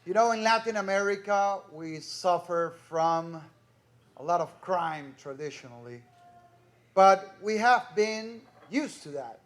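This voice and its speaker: Ecuadorian guy in his 30s, giving a slow earnest conference talk in english, kinda high voice. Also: lively intonation. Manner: earnest, measured, personal anecdotes. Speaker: conference speaker.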